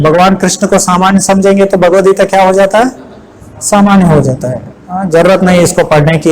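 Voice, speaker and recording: A man giving a devotional scripture lecture. He chants verses slowly and asks his listeners rhetorical questions. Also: sits high, a little mellow, rough recording. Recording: faint background noise.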